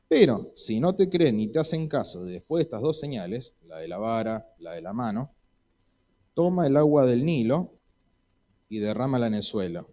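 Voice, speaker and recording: A man's voice: mid-range voice, mellow. A man with an Argentine Spanish accent preaching a sermon in a church, acting out Bible dialogue in voices.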